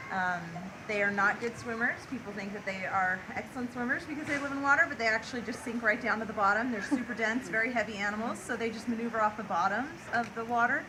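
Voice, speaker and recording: An enthusiastic woman talks casually to visitors as a zookeeper would, explaining things informally. Her pitch is average. She is recorded outdoors from a few steps away with clear background noise. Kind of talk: informal educational talk to visitors. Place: outdoor animal enclosure yard. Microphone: camera a few steps away. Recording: noisy outdoor handheld recording.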